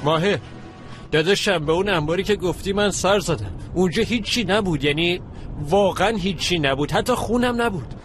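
Brief: actor as a brotherly friend, slightly high voice, music under. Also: male voice, lightly acted. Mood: casual. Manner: casual, brotherly. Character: loyal friend on the phone, casual. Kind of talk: dubbed TV drama.

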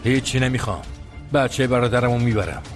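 An actor playing a coarse, threatening uncle just out of prison, bullying and rough. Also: male voice, medium pitch, over music, close to an everyday voice. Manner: rough, bullying, shouting in anger. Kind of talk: film drama dialogue.

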